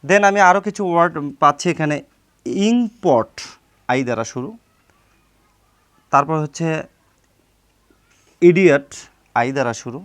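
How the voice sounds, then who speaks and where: Lively Bangladeshi man teaching grammar. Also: fairly high pitch, measured pace, pauses often, smooth. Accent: Bangladeshi Bengali. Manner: rhetorical questions and answers them; spells out words letter by letter. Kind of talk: explanatory lesson with examples.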